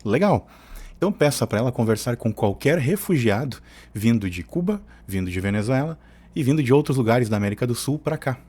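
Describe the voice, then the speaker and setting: With a mid-range, darkish and slightly rough voice, this southern Brazilian opinion-channel host speaks fairly quickly and with lively intonation. He's colloquial and opinionated, and his arguments keep detouring into asides.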